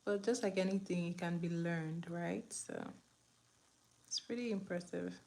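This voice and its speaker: Speaking unhurriedly in a lowish, creaky, slightly mellow voice, a young makeup vlogger chats casually through her tutorial. She has a Nigerian accent, grew up speaking Igbo first, and slips into a whisper while applying.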